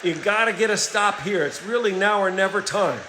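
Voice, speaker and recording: A middle-aged man calling a basketball game play by play, energetic and rising in excitement on big plays. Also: high-pitched, moderate pace, slight background noise. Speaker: play-by-play commentator. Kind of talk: play-by-play sports commentary. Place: home setup, voice-over for a replayed game.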